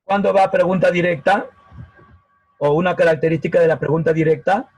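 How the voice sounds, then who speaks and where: A man's voice: high-pitched, steady tone, a little fast, darkish tone, dry recording, poor audio. A man teaching a grammar lesson over a video call, patient and often checking that students follow. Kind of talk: online grammar class. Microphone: laptop mic on a video call.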